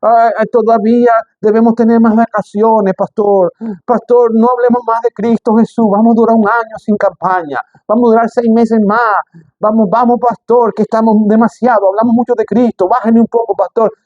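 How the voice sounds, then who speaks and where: Put-on figure: a preacher doing a tired, whiny male church leader, pitched high, pleading and hesitant. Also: level tone, moderate pace, no room sound. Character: weary male church leader begging for rest. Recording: dry, slightly dull recording.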